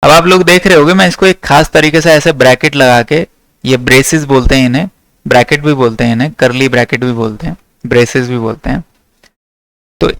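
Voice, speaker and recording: A man's voice: on the high side, gravelly, a bit bright, no room sound. A young man from teaching maths to a class, checking often that his students follow. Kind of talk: classroom lecture.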